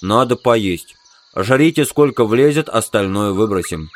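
A man voicing a gruff, cynical tough soldier who talks bluntly. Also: on the low side, lively intonation, measured pace.

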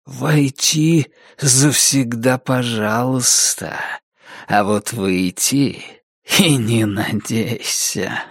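A man doing the whispered role-play of a haunted temple's voice, a sly thing that speaks in a slow, drawn-out, mocking whisper. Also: medium pitch, no echo, studio quality.

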